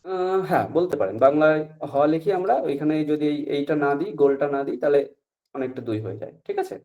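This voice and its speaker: A male teacher leads an online lesson over a video call, walking through each point patiently and stopping to check that his students understand. His voice sits a little high and has a mellow, relaxed tone. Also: fast talker. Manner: patient, explains step by step, checks often for understanding. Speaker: Sanskrit teacher. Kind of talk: online class lecture.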